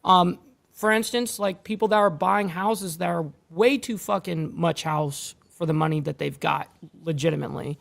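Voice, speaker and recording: Gravelly man talking bluntly on a podcast. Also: high voice, moderate pace, a bit bright. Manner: blunt and casual, swears freely. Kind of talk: podcast conversation.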